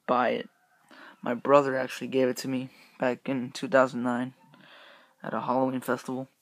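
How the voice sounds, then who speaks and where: A man's voice: medium pitch, no echo. Young guy mumbling through a rubber mask, rambling upbeat chat, dry sound. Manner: rambling, filler-heavy, upbeat. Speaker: YouTube reviewer. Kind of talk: casual review vlog.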